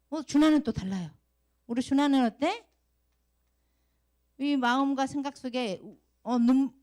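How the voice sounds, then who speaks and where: A middle-aged woman giving a children's sermon as a Sunday school teacher, keeping up a lively stream of questions to the kids and now and then acting out crying sounds. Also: high voice.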